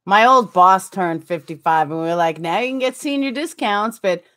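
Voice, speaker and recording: This livestream host, a woman in her forties, has a medium-pitched, somewhat bright voice with lively intonation and normal pacing. Filmed by a desktop webcam in a small room backed by curtains, she chats casually, laughs frequently, and reads comments in a self-deprecating way.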